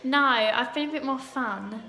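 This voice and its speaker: Woman, gravelly voice, slightly high, giggly, reads comments, echoey room. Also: measured pace, sharp tone, slight background noise. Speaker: client reading viewer comments.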